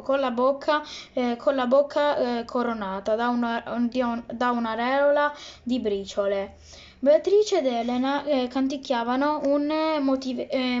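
A woman's voice: high-pitched, muffled recording. A woman reading a children's novel aloud, stumbling often and restarting words. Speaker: reader.

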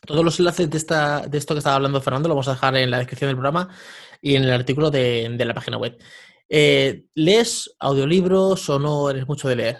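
A male podcast host asks his guest quick, chatty questions. His voice sits at a middle pitch and sounds plain and everyday. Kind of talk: casual interview.

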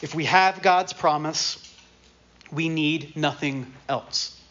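Male pastor, sermon, casual conversational delivery, emphatic repetition, somewhat high pitch, muffled lo-fi sound. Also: takes it slowly, a bit bright. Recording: dull lo-fi sermon recording.

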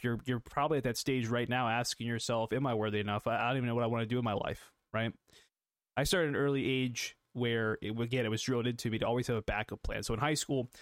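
Rhetorical questions and repeated phrases fill this solo motivational podcast, where a young adult man coaches his listeners. He speaks in a mid-range voice, and the studio-quality audio has no echo.

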